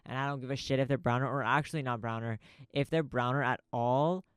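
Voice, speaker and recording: A man hosts a casual podcast from a small recording studio, talking in a loose stream of consciousness. He swears freely and jumps from thought to thought in a long info dump. His voice is smooth and resonant at a middle pitch, recorded dry and close. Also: steady tone, fast, no echo. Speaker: podcast host. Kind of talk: casual rambling monologue.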